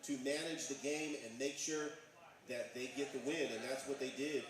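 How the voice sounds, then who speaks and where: A man co-hosts a live sports talk show, laying out stats in a measured way. He sounds far from the mic in a very echoey space, and a chattering bar crowd can be heard behind him. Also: medium pitch, steady tone. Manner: measured, stat-heavy analysis. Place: bar and grill.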